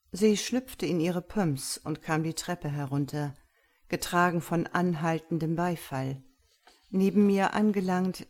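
A woman narrates a story from a script in a calm, even manner. Her voice sits fairly low for a woman. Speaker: audiobook narrator.

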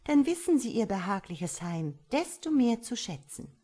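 Woman doing motherly female starling, gentle, sympathetic, storybook voice. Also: fairly high pitch, big pitch swings, normal speed, voice pushed up. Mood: caring.

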